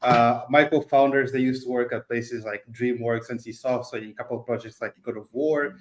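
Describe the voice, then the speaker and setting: Mid-pitched man explaining, very echoey sound. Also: fairly even intonation, fairly quick, faint music behind. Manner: explanatory, non-native English phrasing, repeats filler words. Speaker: game studio CEO, interview guest. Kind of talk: conversational pitch in an interview.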